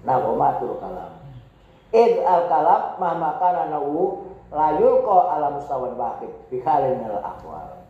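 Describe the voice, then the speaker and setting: An unhurried man teaches Arabic in a classroom lecture. He reads text aloud, then explains it with repeated examples. His voice is recorded dull and with a strong echo. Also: fairly high pitch, very animated. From Indonesia.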